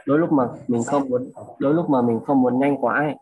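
Young man, husky voice, casual tutoring, repeats and restarts, slow modelling of phrases. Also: mid-range voice, steady tone, darkish tone, lo-fi sound. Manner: informal, repeats words, models pronunciation slowly. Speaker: student coaching a classmate.

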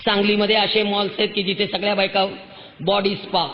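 A woman giving an impassioned public lecture to women, scolding and exhorting them and rising to near shouts. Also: medium pitch, little pitch movement, a little fast, slight background noise. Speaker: public speaker addressing women. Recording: echoey hall, muffled sound.

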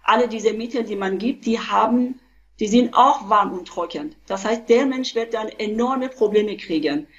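A woman in her fifties from Iran, a physician, explaining on a video call in a halting way with many fillers and restarts. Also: mid-range voice, dull audio. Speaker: physician, interview guest. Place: small room at home. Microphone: webcam on a video call.

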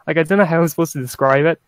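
A man's voice: fairly high pitch, fast talker, smooth, no room sound. A young man co-hosting a casual rewatch podcast, hesitant with many ums and wry little laughs. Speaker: podcast co-host. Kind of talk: casual chat.

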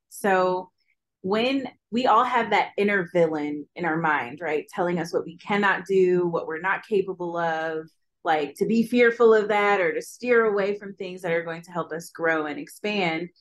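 A woman's voice: on the low side, unhurried. Upbeat chatty woman guest. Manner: upbeat, chatty, says "like" a lot. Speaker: podcast guest, spiritual business owner. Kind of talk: casual interview chat.

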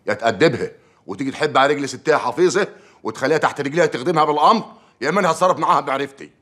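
A rapid-fire threatening village strongman. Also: on the high side, a bit bright. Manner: blunt threats. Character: hot-tempered village strongman, man, threatening. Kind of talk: TV drama acting.

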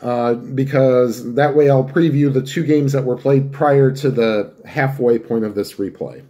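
Nasal-voiced man, getting over a cold. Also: mid-range voice. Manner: relaxed, unhurried, with small restarts. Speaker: channel host. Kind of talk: casual sign-off to viewers.

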